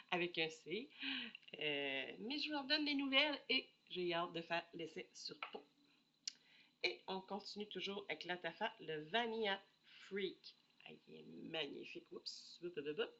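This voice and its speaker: A woman's voice: on the low side, sharp tone, muffled recording. A woman with a Québécois French accent chatting casually as she reviews perfume samples, thinking aloud and apologizing often, with a head cold. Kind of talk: casual solo review chat.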